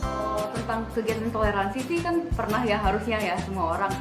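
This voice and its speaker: A young woman from Palembang, a student, talking casually in a relaxed, friendly way. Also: mid-range voice, a little fast, loud music behind the voice. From Palembang, Indonesia. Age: young adult. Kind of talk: casual storytelling. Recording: roomy echo.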